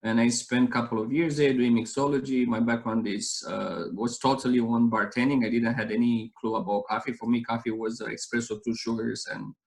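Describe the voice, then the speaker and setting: A man in his thirties with a Romanian accent, chatting as a guest on an interview. His voice sits at an ordinary middle pitch. He tells his story earnestly and rambles, restarting his sentences often. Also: steady tone, fairly quick, gravelly, hardly any pauses, poor audio. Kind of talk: casual interview chat.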